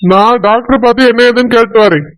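A woman voicing a calm, caring village man with a Tirunelveli Tamil accent in a cartoon. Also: on the high side, fast, lightly acted, poor audio. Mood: soothing. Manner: calm, soothing reassurance. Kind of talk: cartoon voice acting.

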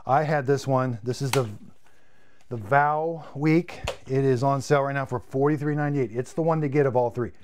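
Speaking at normal speed with a steady tone and medium pitch, this man in his fifties demos cleaning equipment live from a home studio lined with vacuum shelves. There's slight background noise. Enthusiastic and talkative, he repeats words while his voice fades.

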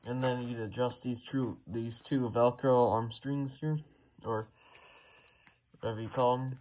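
A man's voice: medium pitch, flat delivery, a little slow, darkish tone, slight background noise, poor audio. A man speaking through a gas mask, giving casual step-by-step instructions as he demonstrates his gear. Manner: loose, informal step-by-step instructions. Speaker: gear collector demonstrating equipment.

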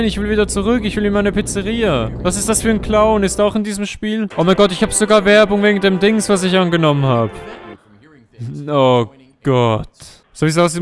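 Jokey German gaming commentator man. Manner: jokey, exaggerated, often squeals and jumps up in pitch. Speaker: gaming YouTuber. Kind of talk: comedic gameplay commentary.

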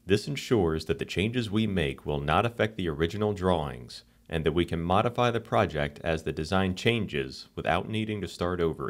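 Narrating a software screencast, a man with a very deep voice reads from a script. His delivery is calm, even, and instructional, and he takes each step without hurry.

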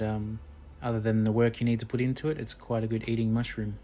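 Aussie chef guy out foraging on the coast, flat even voice, faint music under. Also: mid-range voice. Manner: relaxed, chatty, with frequent ums. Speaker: cafe chef. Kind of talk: casual foraging guide. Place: outdoors on the coast and in pine woods.

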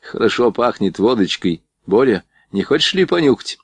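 A sly young officer, read by a man, needling his friend with mocking good humor. The voice is lively in pitch and dry. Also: moderate pace, husky, no echo. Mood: teasing. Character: teasing young male officer.

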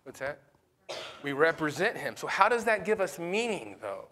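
Pastor, man, Sunday school teacher; conversational, peppers the room with questions; forceful tone. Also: on the high side, sing-song, moderate pace. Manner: questions the class often; conversational, with fillers.

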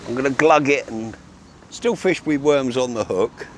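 This fishing vlogger chats to camera from a grassy riverbank by calm water, his medium-pitched voice at normal speed, rambling and restarting with plenty of fillers. There's background noise, and since the camera mic is a few metres off, he's often heard turned to the side.

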